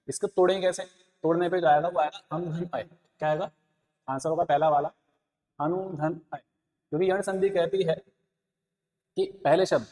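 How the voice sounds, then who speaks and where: A man's voice: a little high, a little mellow, long reverb tail. A man teaching an exam-prep lesson, repeating key points and quizzing listeners with rhetorical questions. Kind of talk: Hindi exam-prep lesson, explaining answers.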